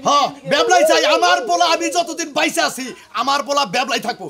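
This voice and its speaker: A man's voice: very high-pitched, fast, vocal fry, pushed and bright, heavily acted. A man playing a fussy father. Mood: boastful. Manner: scolding and boastful.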